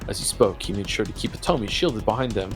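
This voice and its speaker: Male streamer, lowish voice, dramatic game narration with casual asides, music behind. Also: quick pace. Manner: expressive storytelling with stumbles over words. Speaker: streamer reading game text aloud.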